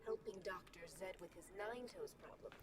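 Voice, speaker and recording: An actress voicing a calm female guide in a game who gently gives instructions. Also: medium pitch, normal speed, close to an everyday voice. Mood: instructive. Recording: game audio with steady noise.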